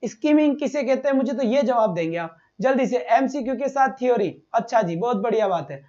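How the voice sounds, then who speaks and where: An animated man with an extremely high, slightly mellow voice leads a live online exam-prep class on lo-fi audio. He peppers students with quick questions, restates each point, and calls them "beta."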